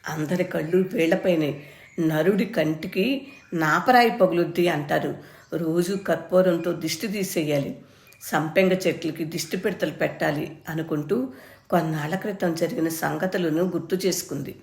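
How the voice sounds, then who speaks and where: Woman narrator for a read-aloud short story, measured and expressive, lower register, echoey room. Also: gravelly. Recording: roomy echo.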